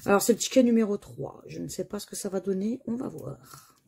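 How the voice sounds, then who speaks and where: A woman's voice: medium pitch, lively intonation, brisk, vocal fry, mellow, a little hiss or hum. A woman with a French accent chatting to viewers while she scratches crossword lottery tickets and reads out letters and words.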